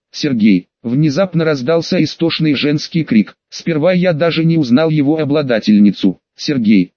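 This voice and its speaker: A man reading a first-person audiobook story in a steady storytelling manner. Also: on the high side, dry recording. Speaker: audiobook narrator. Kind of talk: scripted first-person narration. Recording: dull, dry studio recording.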